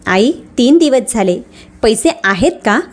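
A woman's voice: a little high, expressive, a little slow. Woman doing a grown son, angry, demanding, storybook reading.

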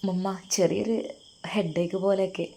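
Daughter figure read by a woman storyteller: young, shy, tired, low-key and mellow. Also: fairly even intonation, normal speed, gravelly. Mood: quiet. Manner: quiet, brushing off concern.

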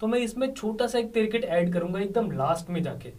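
A man's voice: high voice, animated, a little fast, noisy background. A male tabla teacher who explains a rhythm patiently, step by step, and often checks with the listener. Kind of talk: spoken music lesson with counting and drum syllables. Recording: tabla playing loud behind the voice, voice sometimes far from the mic.

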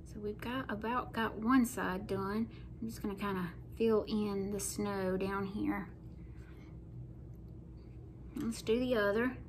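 This craft painting host, a middle-aged Southern US woman, keeps up folksy chatter while working at her home kitchen table. She takes her time, pausing often, and her medium-pitched voice stays fairly even. A faint hiss or hum runs underneath.

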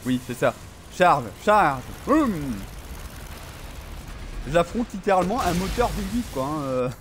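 A man's voice: sits high, very animated, a little slow, fairly bright tone, soft background music. A man streaming a horror game, commenting live, swearing often and talking back to the enemy on screen. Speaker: gaming streamer.

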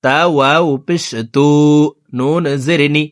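A man teaching Quran reading who spells out each letter and vowel, then draws the joined word out slowly, with quick spoken explanations of the rules in between. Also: fairly high pitch, steady tone, a bit bright, no room sound, clean studio sound. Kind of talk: slow spelled-out recitation lesson.

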